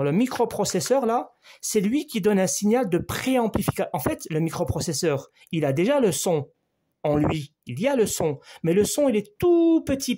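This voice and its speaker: An electronics repair instructor with a slightly high voice patiently guides the viewer through fixing a TV board in French, speaking to them directly. He explains step by step and repeats his main points while measuring, his voice sometimes dropping quieter as he leans over the board.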